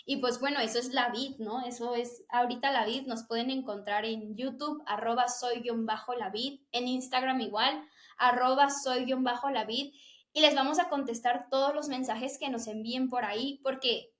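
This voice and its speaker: A woman's voice: a little high, fairly even intonation, moderate pace, echoey room. A young woman, fervently sharing a personal faith testimony as an interview guest. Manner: earnest, fervent, emotional.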